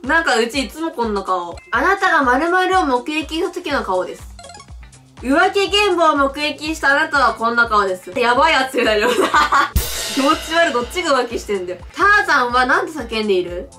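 A young woman from Japan chats through a mobile quiz game, reading each question aloud and answering with blunt, giggly reactions. Her voice sits high and swings widely in pitch. Faint music plays behind her. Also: very animated, fairly quick, bright, forceful tone. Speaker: game streamer. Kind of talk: casual playthrough commentary.

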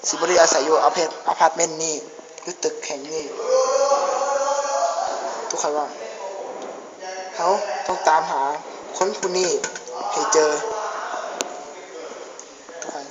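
A man's voice: a little high, little pitch movement, measured pace, pauses often, over a noisy crowd. A man with a Northeastern Thai Isan accent narrating a homemade ghost spoof, joking and yelping in pretend fright. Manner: jokey, exclaims and yelps in mock fright. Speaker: amateur video maker narrating a ghost spoof. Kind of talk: playful mock-horror narration. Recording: echoey hall with loud background noise.

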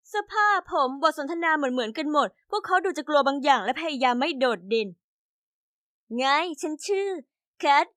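A woman telling a first-person animated story in a chatty way, also voicing the other characters. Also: high-pitched, fast, few pauses, no room sound, studio quality. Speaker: narrator.

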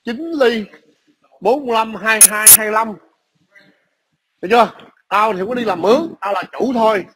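High-voiced angry man. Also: moderate pace, noisy background. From Vietnam. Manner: aggressive, profane, taunting. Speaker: vlogger. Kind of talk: angry ranting video message. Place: his workplace in a city.

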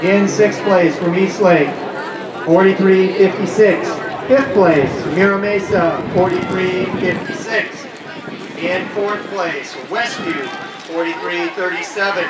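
A man announcing track meet results over a stadium PA system, reading places and times in a measured way. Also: high voice. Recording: echoey PA heard from far off, loud crowd and noise. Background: loud crowd and outdoor noise.

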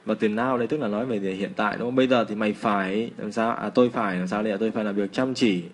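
A man with a Vietnamese accent teaching English phrases in a casual lesson, slowing down to model the pronunciation. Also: on the low side, steady tone.

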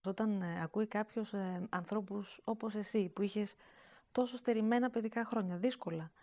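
Soft-spoken hesitant woman interviewer. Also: mid-range voice. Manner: soft, hesitant, with many fillers. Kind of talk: interview questions.

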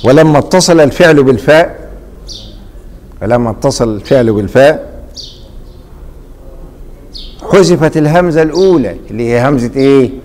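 A middle-aged man with an Egyptian accent teaching a classroom grammar lesson, repeatedly pausing mid-sentence so students fill in the missing word. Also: medium pitch, lively intonation, a little mellow. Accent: Egyptian Arabic. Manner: quizzing, leaves blanks for students to fill.

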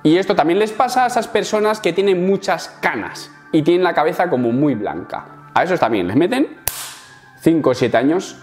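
Spanish man with a lively, swinging voice. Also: fairly high pitch, normal speed, faint music behind. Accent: Spanish from Spain. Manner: sarcastic, swearing, acts out little scenes. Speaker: YouTuber. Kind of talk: comedic vlog monologue.

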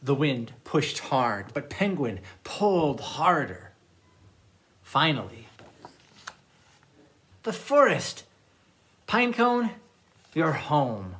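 Male children's librarian, storytime read-aloud; very expressive pitch, slow and deliberate.

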